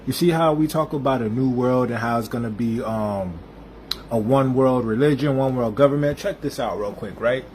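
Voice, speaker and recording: A man's voice: medium pitch, normal speed, a little mellow, a little hiss or hum. Laid-back man explaining a chart, slangy. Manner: loose, conversational, slangy. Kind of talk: casual talk over a chart.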